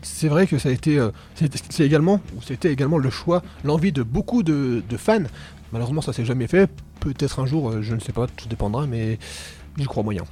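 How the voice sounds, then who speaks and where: Homme coanimateur, voix chaude et hésitante. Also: male voice, mid-range voice, brisk, mellow. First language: French. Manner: hesitant, many fillers. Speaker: podcast co-host. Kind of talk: casual chat.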